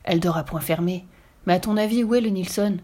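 A woman's voice: on the low side, quick pace, mellow, lightly acted. A woman doing a blustering tramp man. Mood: sly. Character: scheming male tramp and burglar, bossy then cowed.

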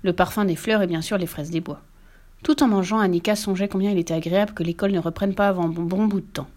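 A woman narrating a children's story aloud in a clear, even reading voice. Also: lowish voice, fast talker.

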